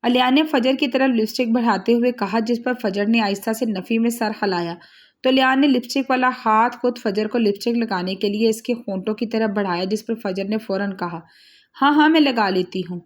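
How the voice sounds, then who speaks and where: Brief: female storyteller reading a romance novel, slightly high voice, steady narration. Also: fairly quick.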